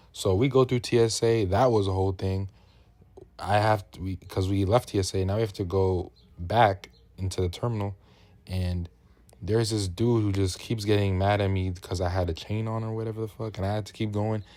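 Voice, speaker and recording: Brisk and steady in tone, this lowish, darkish male voice belongs to a young New Yorker. He's a vlogger relaxing into a profane, slang-heavy storytime.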